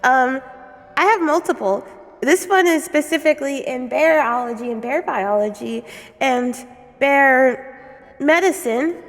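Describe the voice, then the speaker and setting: A woman's voice: high voice, unhurried. A woman streamer chatting casually with viewers, giggly and rambling, stumbling over words, her voice echoing through a cave. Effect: cave echo. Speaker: livestream host. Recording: long echoing cave reverb.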